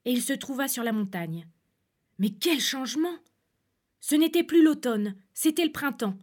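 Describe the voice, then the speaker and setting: A woman calmly reading a fairy tale aloud as storyteller. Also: a little high.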